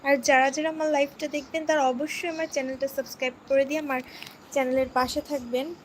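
A young woman talks casually into her phone during a live stream for her beauty channel. Her voice sits high and light, and she chats warmly with viewers, thanking them and asking them to subscribe. A faint hum runs under the audio. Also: level tone, fast talker.

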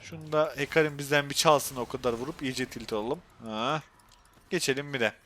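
A young man with a Turkish accent commentating his own gameplay on a live stream, excitable and quick to go from muttering to frustrated outbursts. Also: mid-range voice, a little hiss or hum.

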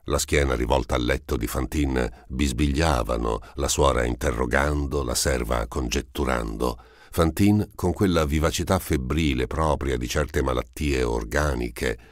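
Man, very deep voice, audiobook narrator, measured and expressive reading, dry close sound. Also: dry recording. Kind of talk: scripted literary narration.

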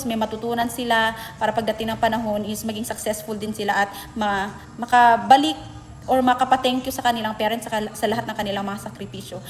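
A woman's voice: on the high side, long reverb tail. A young Filipina teacher in a chatty, emotional way telling a classroom story, switching between Tagalog and Bisaya. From Philippines. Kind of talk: casual storytelling vlog.

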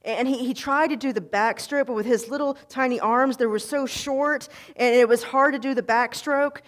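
A middle-aged woman pastor preaching from a church pulpit and telling an animated story with repeated words. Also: high voice, normal speed. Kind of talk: sermon storytelling. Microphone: pulpit microphone, far camera.

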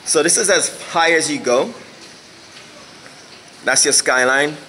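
A man's voice: fairly high pitch, slow pace, bright, forceful tone, slight background noise, rough recording. Rambling man giving a house tour. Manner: rambling, searches for words with many fillers. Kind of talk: casual walking house tour. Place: empty house, indoors and on balconies. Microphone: handheld phone camera.

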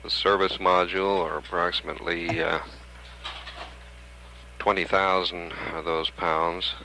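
American man, mission control announcer, deep, measured commentary, faintly noisy archive broadcast. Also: level tone, sharp tone. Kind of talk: measured live spaceflight commentary.

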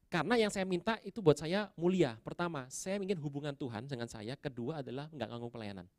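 A man preaching a sermon, telling stories in a conversational way and acting out his own prayers and dialogue with sudden loud bursts and chuckles. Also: fairly high pitch, fairly quick, no room sound. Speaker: pastor. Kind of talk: storytelling sermon.

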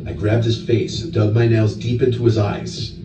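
A man with a lowish voice narrates a horror story in a calm, even way. The sound is echoey and distant, as if played back in a room, with loud music under it. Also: moderate pace, muffled recording. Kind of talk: scripted narration. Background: background music from the played video.

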